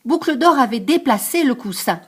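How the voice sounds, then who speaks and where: An older woman reading a picture book aloud to a grandchild, lively, stopping to explain hard words. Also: high voice, normal speed, breathy edge.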